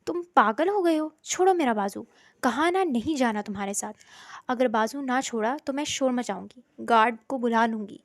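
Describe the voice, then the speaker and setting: A frightened but defiant young woman in a storybook, protesting sharply and insisting, as a woman narrator puts her on. Her voice sits a little high, recorded dry and close. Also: darkish tone, dry recording, natural voice.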